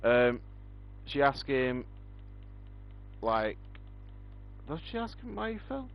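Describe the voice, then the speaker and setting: A man's voice: medium pitch, very animated, slow, vocal fry, muffled recording. A young man hosting a casual discussion, rambling with lots of ums. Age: young adult. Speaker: podcast host. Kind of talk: casual chat.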